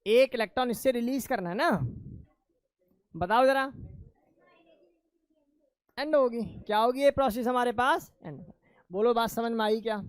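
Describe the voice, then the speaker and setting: A man's voice: extremely high pitch, normal speed, long pauses, clean tone, no room sound. A male chemistry teacher lecturing in a classroom. He keeps asking his students questions, answers them himself, and calls them "beta".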